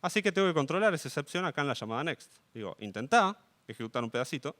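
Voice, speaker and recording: A man's voice: a little high, very animated, rapid-fire, a bit bright. A young man with an Argentine Spanish accent giving a live coding talk, checking in with his audience often. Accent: Rioplatense Spanish. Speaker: conference speaker.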